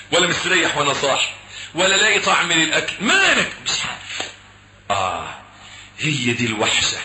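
A man with an Egyptian Arabic accent preaching a sermon, telling stories and acting out dialogue, swinging between hushed lines and shouts. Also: fairly high pitch. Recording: echoey room, faint background hum.

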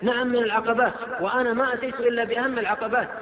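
A man's voice: extremely high pitch, fairly even intonation, rapid-fire. A man preaching to an audience, reading out questions and answering firmly in numbered points. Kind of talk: religious lecture Q&A. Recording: tinny, echoey hall recording with crowd.

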